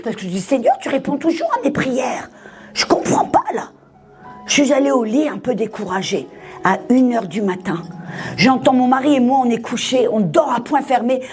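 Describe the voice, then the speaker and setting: Woman preacher, higher register, dramatic testimony delivery, hushed to shouted, light music bed. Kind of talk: sermon testimony.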